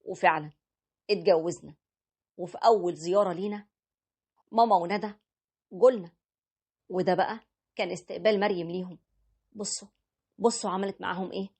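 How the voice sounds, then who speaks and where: A woman's voice: fairly low pitch, steady tone, fairly quick, pauses often, darkish tone, slightly rough. A woman narrating a story as a young married man who stands by his wife, in a plain conversational retelling. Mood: recounting.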